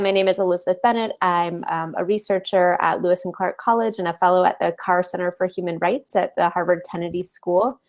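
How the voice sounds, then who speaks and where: A woman researcher leads a panel discussion. She lays out the topic in a measured, explanatory way and hesitates often with ums. Her pitch sits in the middle range. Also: a little mellow.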